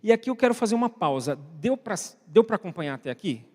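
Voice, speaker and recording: A Brazilian pastor talks fast and very animatedly in a high voice, keeping his church sermon conversational with frequent questions to the congregation and remarks to viewers at home. The church hall's long reverb carries through the recording.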